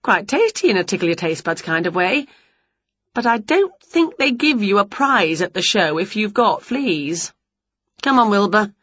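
A woman voicing an excitable, scatty witch who exclaims in a high, lively voice for a storybook. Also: normal speed, husky, no echo, lo-fi sound. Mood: fussing. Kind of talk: storybook reading.

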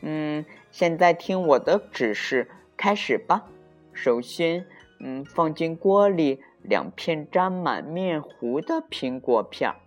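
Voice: mid-range voice, lively intonation, slow, faint music behind, voice pushed up. A storyteller voicing a bossy young girl rabbit who gives prim, commanding orders in the kitchen.

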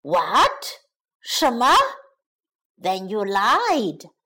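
Gruff village farmers from a children's storybook, as a woman reader puts them on, firing off questions in a lower, heavier tone and stretching the words out slowly. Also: big pitch swings, sharp tone, full character voice. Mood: indignant. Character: alarmed then angry village farmers, adult men.

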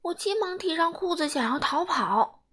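A woman reading a children's picture story aloud in an expressive way. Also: extremely high pitch. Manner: expressive, unhurried narration.

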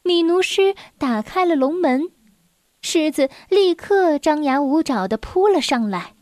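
A woman narrating a children's story in a gentle, expressive read-aloud manner, adding little asides to young listeners. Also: high voice, unhurried, dry recording, studio quality.

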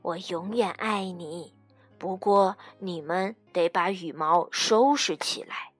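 A woman voicing a loving, patient mother in a bedtime storybook, speaking softly and gently. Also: lowish voice, slow pace, breathy edge, no room sound, soft background music, voice pushed down. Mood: tender. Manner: soft, gentle reassurance.

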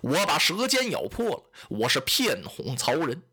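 A man voicing a cunning young commander in a told tale, speaking calmly and assuredly in a lowered voice. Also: moderate pace, husky, exaggerated voice.

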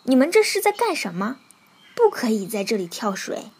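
A woman voicing a bossy, self-important duck who shouts stern orders as keeper of a pond in a storybook. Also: a little high, slow, vocal fry, slightly rough, heavily acted. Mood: bossy shouting.

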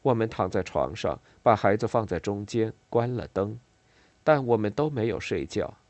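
A man narrating a novel in a measured reading style with expressive, varied intonation. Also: on the low side, no room sound. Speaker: audiobook narrator.

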